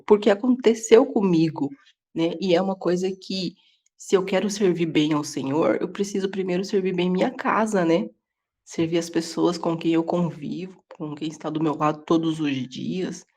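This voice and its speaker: A woman's voice: on the low side, darkish tone. A woman with a Brazilian Portuguese accent sharing an earnest personal testimony in a casual Bible study, speaking over a video call from home. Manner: earnest, confessional, many tag questions. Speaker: Bible reading group participant.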